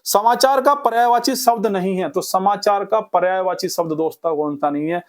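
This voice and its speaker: A man's voice: high-pitched, moderate pace. A man teaching an exam revision class. He asks the class questions, answers them himself, and repeats key points over and over. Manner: lively, repetitive drilling of key points. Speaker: Hindi exam-prep teacher.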